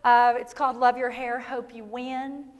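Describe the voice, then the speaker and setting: A woman giving a lively, punchy motivational keynote to a live audience, calling for responses. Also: a little high, normal speed, dull audio, a little hiss or hum. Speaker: motivational speaker. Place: large hall before an audience. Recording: long reverb of a large hall.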